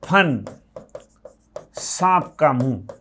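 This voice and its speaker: A man teaching grammar at a board, explaining patiently, repeating words slowly and asking the class for yes or no. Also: medium pitch, big pitch swings, gravelly, bright, forceful tone, slight background noise. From India.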